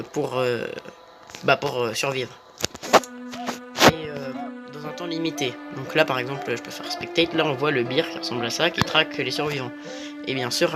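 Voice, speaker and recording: A young man giving casual commentary on a video game as he plays, hesitant and full of fillers. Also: medium pitch. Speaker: gaming youtuber. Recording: game music behind.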